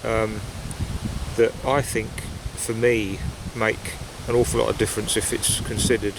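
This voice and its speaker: A pipe-smoking vlogger reflects casually outdoors in woodland, speaking a little slowly with little pitch movement in a voice on the low side. His delivery is hesitant and rambling. The basic recording picks up wind noise and rustling leaves.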